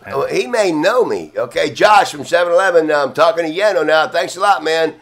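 A man's voice: a little high, animated, a little fast, vocal fry, fairly bright tone. A middle-aged man hosting a casual livestream from an outdoor balcony, rambling offhand and swearing freely. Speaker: livestream host. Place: outdoor balcony near neighbors.

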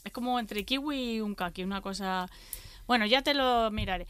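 A woman's voice: mid-range voice, normal speed, fairly bright tone, clean tone. A woman in her thirties co-hosting a casual chat, a chatty storyteller who acts out the voices of the people she quotes.

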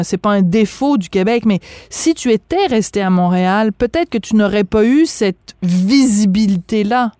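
A woman hosting a radio interview, chatty and encouraging. Her voice sits a little high and sounds close and dry in the studio. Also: darkish tone, no room sound. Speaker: radio host.

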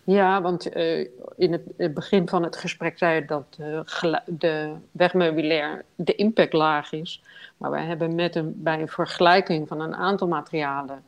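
Gravelly-voiced woman on a phone line. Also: low voice, steady tone. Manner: hesitant, halting with many fillers. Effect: heard over a phone line. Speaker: guest expert on a phone line. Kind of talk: panel discussion.

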